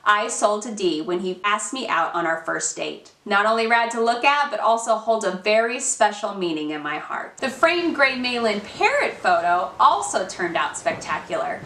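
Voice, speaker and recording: A woman's voice: mid-range voice, lively intonation, moderate pace, few pauses, pushed and bright. A woman hosting a renovation show, narrating a scripted vlog in a chatty, gushing, upbeat way with folksy slang. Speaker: host of a home renovation show. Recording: roomy, distant, faint hiss.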